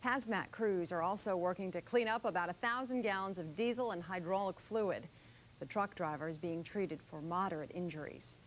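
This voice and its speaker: A woman's voice: lowish voice, moderate pace, slight background noise. A woman anchoring a news broadcast, reading scripted stories.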